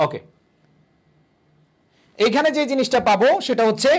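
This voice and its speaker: A man's voice: extremely high pitch, normal speed. A young man, tutoring English grammar online for admission tests. He quizzes students with questions he answers himself and keeps reassuring them. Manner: reassuring, coaxing tone toward students.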